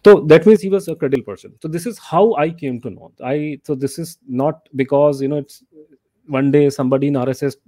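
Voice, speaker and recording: Fast-talking North Indian man, mellow voice. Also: a little high, no echo. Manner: animated recollection, repeats himself and often says "you know". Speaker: interview guest, journalist and author. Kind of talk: casual interview, storytelling.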